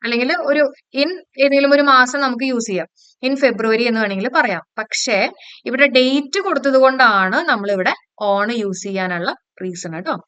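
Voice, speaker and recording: A woman from Kerala teaching an exam-prep grammar lesson, her voice bright and crisp, set a little high. She keeps quizzing her listeners and checking they follow, and slowly repeats each rule so it sticks. The sound is dry and close. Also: no room sound. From Kerala, India. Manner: repeats key rules slowly to drill them. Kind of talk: online lesson explaining grammar questions.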